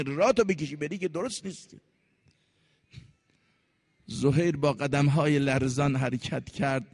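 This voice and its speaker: A man giving an impassioned religious sermon, telling a story and chanting verse slowly, moving between hushed and loud passages. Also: medium pitch, creaky. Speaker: preacher. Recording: long reverb in a large hall.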